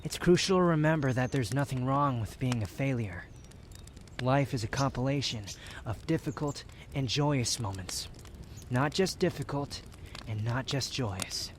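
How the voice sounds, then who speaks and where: A man's voice: mid-range voice, expressive, measured pace, slight background noise, lightly acted. A man playing an aloof, prickly young wanderer in a romantic roleplay ASMR, speaking in dry, formal phrases with reluctant tenderness. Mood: gently advising.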